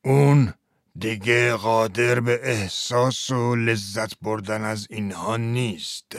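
A sorrowful old chief speaks slowly and in a fatherly, philosophical way, played by a man. His voice is gravelly and low-set, recorded dry and close for a dramatized story. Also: fairly even intonation, no echo, close to an everyday voice.

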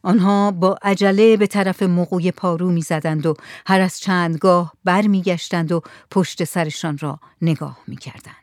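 An audiobook narrator reading a story in a steady, measured way. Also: mid-range voice, no echo, studio quality. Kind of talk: scripted narration.

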